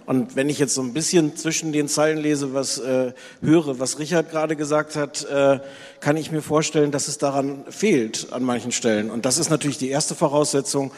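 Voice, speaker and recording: A man's voice: mid-range voice, steady tone, normal speed, darkish tone. A male journalist speaks up on a panel. He is earnest and adds his point with small restarts. Long hall reverb surrounds his voice. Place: conference hall with audience.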